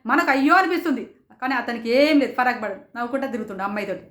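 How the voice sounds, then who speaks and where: A woman reviewing a reality show in rapid, indignant commentary, firing off rhetorical questions. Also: fairly high pitch, fairly bright tone, roomy sound. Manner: rapid, rhetorical, indignant, quotes others in raised voices. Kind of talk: passionate commentary.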